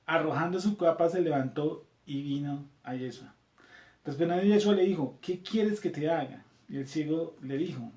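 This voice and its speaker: A Colombian man leads a scripture class, reading passages aloud and going over them again. His voice sits a little high for a man. The room around him is noticeably echoey. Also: a little mellow. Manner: reads verses aloud, repeats them, checks in with "¿cierto?". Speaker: Bible study teacher.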